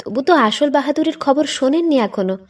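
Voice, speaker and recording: A woman's voice: high-pitched, expressive, fairly quick, darkish tone, distant mic. A woman voicing a mild-mannered young man who speaks drily and reluctantly, in a spoken storybook reading. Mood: wry.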